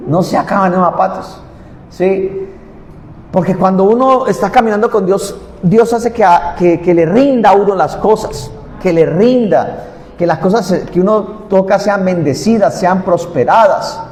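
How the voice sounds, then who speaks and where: A man preaching as a pastor at a church service, moving between loud chant-like declarations and calm, conversational teaching, often addressing listeners as "brother". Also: sits high, measured pace, slight background noise. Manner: often says "mi hermano". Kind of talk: sermon. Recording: echoey hall, some distance from mic.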